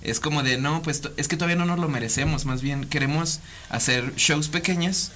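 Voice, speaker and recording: A man's voice: fairly high pitch, brisk. Man musician, 30s, Mexican Spanish, rambling and easygoing, faint background noise. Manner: relaxed, rambling, many fillers. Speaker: band member. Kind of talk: casual interview.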